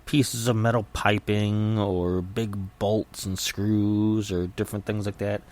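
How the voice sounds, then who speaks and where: A middle-aged man hosting a casual solo podcast, rambling haltingly with his jaw held nearly shut, so his words come muffled through his teeth. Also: fairly low pitch, little pitch movement, darkish tone. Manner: halting and hesitant, repeating words. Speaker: podcast host.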